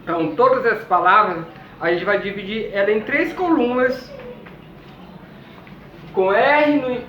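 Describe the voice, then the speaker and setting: A man teaching a lesson, reading words out slowly and repeating each one. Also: high voice, a little hiss or hum. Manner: slow, deliberate, repeats each word. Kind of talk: classroom lesson, reading a word list. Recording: distant, muffled, echoey room.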